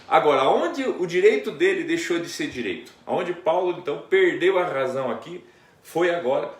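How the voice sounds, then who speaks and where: A man's voice: on the high side, animated, normal speed. A man, a pastor, explaining a Bible passage in a conversational teaching style, often checking in with his listener. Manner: explanatory, many tag questions. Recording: echoey room, distant mic.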